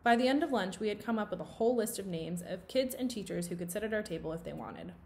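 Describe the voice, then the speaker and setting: A woman with a mid-range voice reads a children's novel aloud, talking fast and using an expressive storytelling style.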